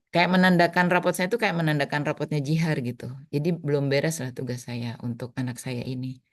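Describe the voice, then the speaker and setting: Low-voiced woman telling a personal story. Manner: emotional storytelling, often trails to a hush. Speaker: guest speaker. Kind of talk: personal testimony.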